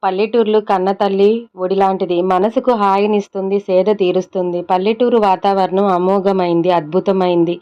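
A woman's voice: medium pitch, steady tone, a little fast, natural voice. A woman voicing a kind-hearted young woman who speaks earnestly and poetically about village life. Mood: rapturous. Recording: dull lo-fi recording.

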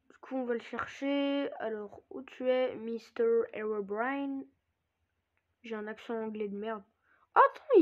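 A woman giving a casual gameplay tutorial, hesitant with many fillers and frequent swearing. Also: a little high. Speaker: gaming YouTuber. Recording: dull lo-fi recording.

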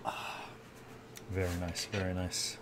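Cooking at home while live-streaming, an older man chats easily and reads viewer comments aloud. He speaks slowly in a low-pitched voice, captured by a distant camera, over heavy background noise of clattering dishes and cutlery.

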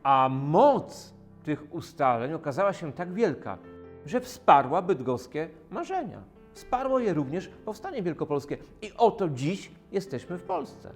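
An actor playing a proud, moved newspaper editor of long service in a historical drama, with solemn, exalted declamation. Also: male voice, on the high side, very animated, measured pace, soft background music. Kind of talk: theatrical historical audio drama.

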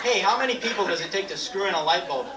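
A young man with a high-pitched voice performs stand-up in a halting, offhand manner. He is heard from a distance in a roomy venue on an old videotape, with a noisy audience around him. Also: lively intonation. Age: 20s. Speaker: stand-up comedian. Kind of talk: live stand-up comedy with props. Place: small dark theatre stage with audience. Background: audience laughter and crowd noise.

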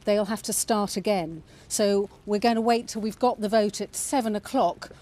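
A woman's voice: mid-range voice, steady tone, normal speed, warm tone. A middle-aged woman correspondent reporting live from a city street, with many hesitations and restarts. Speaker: news correspondent.

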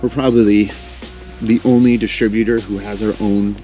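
A man's voice: fairly low pitch, level tone, normal speed, mellow, highs cut off, soft background music. A man in his thirties hosting a casual, upbeat walk-through tour of a large warehouse on a lapel mic. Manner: upbeat, enthusiastic. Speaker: vlog host.

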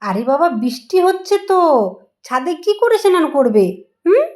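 Coaxing high-voiced woman. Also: very animated, normal speed. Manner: coaxing and affectionate, gently scolding. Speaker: vlogger playing a mother. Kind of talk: doll role-play vlog.

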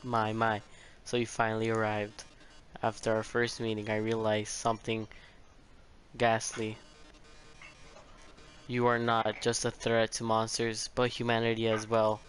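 A man voicing a vain, theatrical killer robot, reading game dialogue in a measured, deliberate way. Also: fairly low pitch, completely flat delivery, a bit bright, faint music behind. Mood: menacing, showy.

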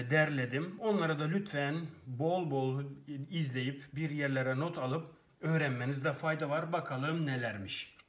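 A man teaching an English lesson, explaining clearly and reading example phrases slowly. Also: fairly high pitch, fairly bright tone.

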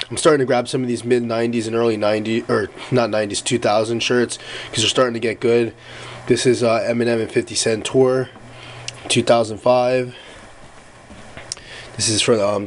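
A man's voice: mid-range voice, low-quality recording. A man with an everyday mid-range voice talks through his flea market haul in a loose, rambling vlog style, stopping for fillers and correcting himself as he goes. He films the items up close on a home camera mic, and a faint hiss sits under his voice. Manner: relaxed, rambling, many fillers and self-corrections. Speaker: flea market reseller showing finds.

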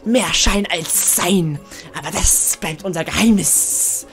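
A woman's voice: on the low side, slow, faint music behind. A woman voicing a scheming monster gang leader from a video game, in a mock-evil, sneering, boastful manner. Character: scheming villain monster, gang leader plotting world domination.

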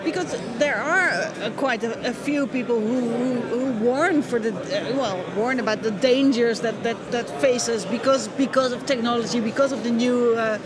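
A woman interviewing at a table mic, talking quickly and agreeing often with short yeahs. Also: fairly high pitch. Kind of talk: casual interview conversation. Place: large indoor public hall. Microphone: table microphone. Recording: busy hall with crowd noise.

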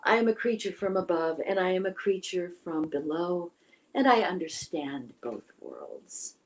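A woman's voice: on the low side, big pitch swings, measured pace, voice pushed down. A woman voicing a vain, proud female sea cow mermaid who lectures the other creatures with scorn. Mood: haughty.

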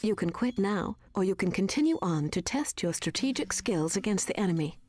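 A woman acting as a calm game tutorial guide, narrating in a measured, instructive nature documentary manner. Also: mid-range voice, close to an everyday voice.

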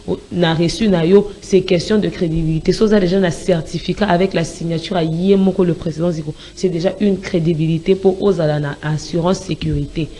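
A woman with a Congolese accent, speaking as a spokesperson in an interview and making an emphatic, repetitive promotional pitch. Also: steady tone, fairly quick, hardly any pauses, mellow. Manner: emphatic and repetitive, mixing French and Lingala.

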